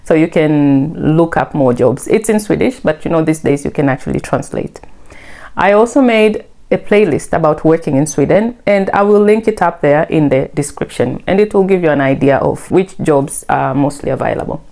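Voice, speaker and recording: Speaking at a normal speed in a low, creaky, dark voice, a Tanzanian woman narrates her own vlog from a script. Her explanations come across as friendly and conversational.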